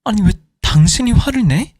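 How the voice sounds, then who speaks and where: A man's voice: a little high, expressive, normal speed, darkish tone, no echo, studio quality, voice pushed up. A man voicing a furious middle-aged wife who fires indignant questions at her husband, in a storytelling reading.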